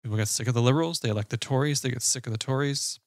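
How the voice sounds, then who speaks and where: A man's voice: mid-range voice, very fast, dry recording. A man giving blunt, gloomy takes as a podcast guest. His voice sits in a middling range and sounds dry and close, with no room around it. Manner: blunt, opinionated, pessimistic. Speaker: guest commentator. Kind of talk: casual podcast chat.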